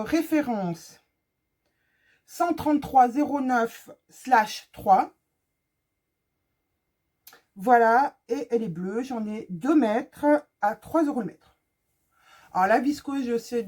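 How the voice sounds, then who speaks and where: A woman's voice: on the high side, a little mellow. A woman chatting casually to her viewers in a sewing fabric haul vlog, joking as she shows each fabric, recorded on her phone. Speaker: sewing vlogger. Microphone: phone camera.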